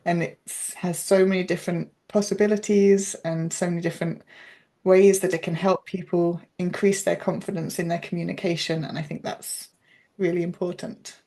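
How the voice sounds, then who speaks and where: A woman's voice: fairly low pitch, little pitch movement, moderate pace, warm tone. A woman, a guest in a casual interview, explaining her teaching at length in a thoughtful way. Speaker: interview guest, pronunciation coach.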